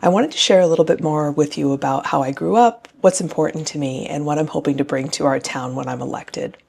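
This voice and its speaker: A woman in her forties from New Hampshire, giving an earnest, measured campaign address as a town council candidate. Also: deep voice, vocal fry, a little mellow, breathy edge. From New Hampshire, USA.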